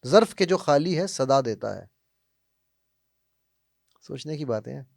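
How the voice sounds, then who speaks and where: A man's voice: medium pitch, lively intonation, creaky, darkish tone, no echo, clean studio sound. A man giving an emphatic self-help talk on faith, often checking with "right?" and asking rhetorical questions, mixing English phrases into his speech. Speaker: motivational speaker.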